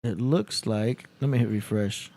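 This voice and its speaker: A man's voice: lowish voice, unhurried, mellow. A man who co-hosts and produces a live podcast stream, talking about submissions and cues in a matter-of-fact way. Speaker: producer and co-host. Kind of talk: casual live-stream chat.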